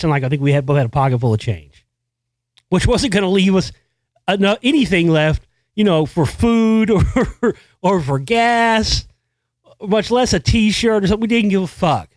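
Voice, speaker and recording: A man's voice: fairly high pitch, dry recording. Profane rambling man podcasting. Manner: rambling, profane, full of fillers and restarts. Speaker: podcast host. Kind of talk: casual storytelling monologue.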